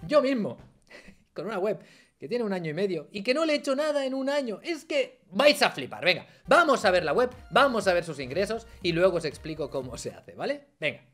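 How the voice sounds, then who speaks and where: High, lively man in his thirties; dramatic vlog explainer who swears and swings from yelling to muttering; faint music under him. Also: fairly quick. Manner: theatrical, swears freely, big swings between shouting and mumbling. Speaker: online marketing youtuber.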